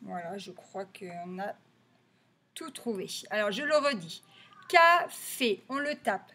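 A woman's voice: mid-range voice, animated, measured pace, a bit bright. A woman teaching young children to read in French, patiently repeating each word and stressing its sounds. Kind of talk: early reading lesson for young children.

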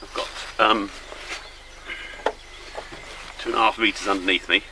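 An older man chatting casually to camera from a small boat on a river, relaxed and thinking aloud. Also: fairly low pitch, measured pace, noisy background. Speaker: solo small-boat voyager. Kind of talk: casual travel vlog commentary. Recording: outdoor birdsong and river ambience.

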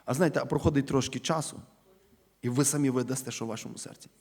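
A male preacher gives a sermon in a church, speaking at a mid-range pitch for a man. He leans on rhetorical questions and calls his listeners brothers and sisters. His delivery swings between loud, emphatic stresses and quiet, trailing phrase endings. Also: quick pace, gravelly. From Ukraine.

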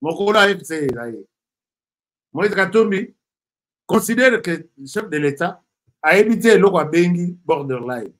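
High-voiced Congolese man commenting. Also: lively intonation, unhurried, long pauses, a bit bright. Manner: hesitant, many fillers and restarts. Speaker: political commentator. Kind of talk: casual political commentary.

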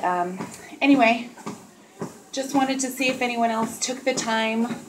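A woman in her thirties rambling casually to camera at home while she walks on a treadmill. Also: mid-range voice. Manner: chatty, talking while walking on a treadmill. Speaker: vlogger. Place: small dim room at home, indoors. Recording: steady treadmill noise and clicks. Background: loud treadmill motor and footfalls.

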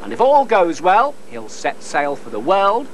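A man reporting a news feature, narrating and interviewing with a lively, playful delivery. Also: sits high, unhurried, slight background noise, rough recording.

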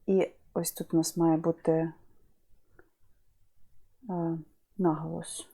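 Slow, mellow woman teaching Spanish verbs. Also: low-pitched, little pitch movement, slightly rough. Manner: slow and patient, repeats each verb form. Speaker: language teacher. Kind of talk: online Spanish lesson.

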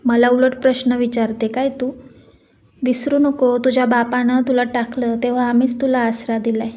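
A woman's voice: on the high side, little pitch movement, normal speed, close to an everyday voice. A woman doing a taunting greedy village aunt. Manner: taunting, sharp-tongued. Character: scolding greedy middle-aged village aunt.

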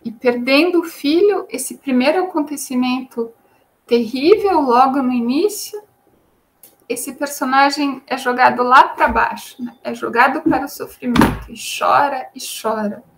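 A woman's voice: sits high, unhurried, fairly bright tone, low-quality recording. A woman with a Brazilian Portuguese accent giving an online creative writing lesson, explaining patiently and repeating her points with frequent "né?". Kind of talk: online lecture with screen sharing.

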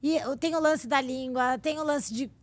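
High-voiced chatty woman from Brazil. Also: moderate pace, no echo. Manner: chatty, laughing storyteller. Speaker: guest. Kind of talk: casual chat.

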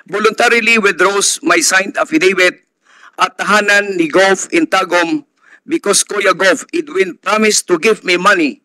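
A man's voice: sits high, measured pace, bright, forceful tone, no echo, poor audio. A man, a town mayor, reading a formal statement aloud at a hearing. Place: hearing room.

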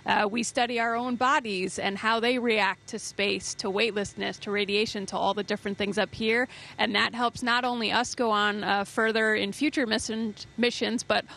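A woman's voice: mid-range voice, fairly even intonation, normal speed, creaky, pushed and bright. A woman astronaut giving an informal explanatory interview answer, searching for words as she goes. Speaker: astronaut, flight engineer. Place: inside a space station lab module. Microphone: handheld microphone.

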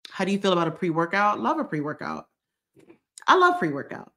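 A woman's voice: fairly low pitch, wildly swooping pitch, fairly quick, fairly bright tone. A woman, chatting casually and emotionally to viewers on a live stream while reading their comments. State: teary. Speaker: vlogger hosting a live stream.

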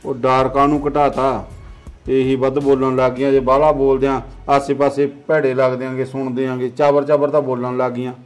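A middle-aged man, playing a gruff, dismissive father in a family drama series. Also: medium pitch, little pitch movement, normal speed, soft background music, lightly acted. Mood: grumbling. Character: harsh controlling village father. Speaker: father of the household.

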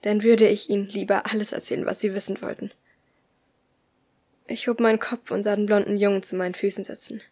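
A woman reading a first-person audiobook aloud in a soft, often hushed voice. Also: medium pitch, little pitch movement, brisk. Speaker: audiobook reader.

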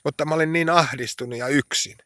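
A man preaching a sermon, slow and emphatic, his voice rising into pleading, impassioned cries when he prays. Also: fairly high pitch, bright, forceful tone, no echo.

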